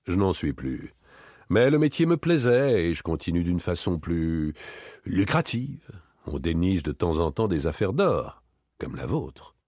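A man doing a stern former inspector, low, husky, dry, hard, precise. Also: big pitch swings, measured pace, a little mellow, no echo, heavily acted. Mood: menacing. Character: cold, relentless male former police inspector.

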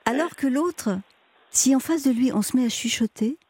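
Calm woman radio advice host. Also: high-pitched, moderate pace, slightly rough. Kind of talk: giving advice on a call-in show.

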